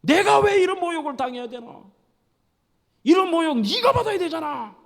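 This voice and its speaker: A pastor voicing a furious older wife who shouts accusations at her husband, in a sermon. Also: very high voice, very animated, normal speed, gravelly, voice pushed up, heavily acted. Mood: furious shouting. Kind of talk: sermon with acted quote. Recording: echoey church hall.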